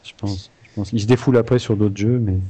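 A man's voice: lowish voice, steady tone, fast talker, dark tone, a little hiss or hum. A man, a video game composer, talking frankly and casually in an interview, with many restarts.

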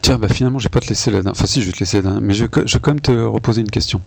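Gravelly low-voiced interviewer, a man. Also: rapid-fire, no echo. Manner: relaxed, hesitant, lots of fillers. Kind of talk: casual interview chat.

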